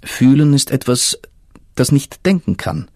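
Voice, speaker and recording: A man voicing an ancient, patient, all-knowing river spirit in a storybook reading, speaking in a solemn murmur with a husky tone. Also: mid-range voice, lively intonation, unhurried, darkish tone, no echo, clean studio sound, pitched above the performer's own voice.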